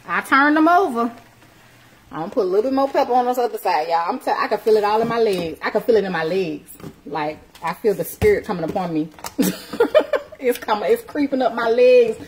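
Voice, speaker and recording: Woman in her thirties, cooking-show host, playful and lively, phone mic in a home kitchen with faint hiss. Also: medium pitch, rough recording. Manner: lively, playful, churchy exclamations, talks to viewers as y'all. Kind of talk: live cooking stream chat. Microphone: phone camera, moving between close and across the kitchen.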